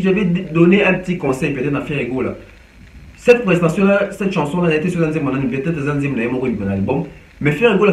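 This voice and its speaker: A man from DR Congo, giving casual commentary on music news and mixing in Lingala with many hesitations. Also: a little high. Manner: mixes French and Lingala, animated with frequent hesitations. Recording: echoey room, distant from mic.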